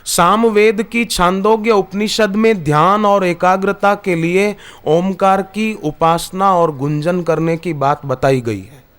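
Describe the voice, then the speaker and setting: Slow, smooth, and a bit bright, this man's high-sitting voice flows with few pauses. He is preaching a Hindi satsang in a discourse hall, storytelling from scripture with quoted verses and emphatic rises before his audience.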